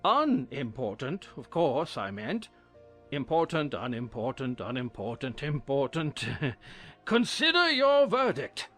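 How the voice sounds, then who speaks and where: A pompous, muddled storybook king in an audiobook drama. His speech is very slow and swings wildly up and down, dithering theatrically, with music behind it. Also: medium pitch, wildly swooping pitch, fairly bright tone, pitched below the performer's own voice, exaggerated voice. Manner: dithering, drawn-out, theatrical delivery. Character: muddled, pompous old King of Hearts presiding as judge. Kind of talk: audiobook dramatization of a children's classic.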